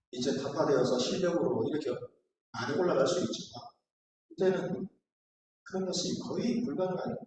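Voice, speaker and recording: A high, animated male voice preaches in a large echoey church, heard from a distance. He tells stories earnestly and presses them into emphatic questions. Faint room ambience hangs behind him. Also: slight background noise. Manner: earnest storytelling, rising to emphatic appeals. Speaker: pastor. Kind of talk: sermon. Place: church sanctuary.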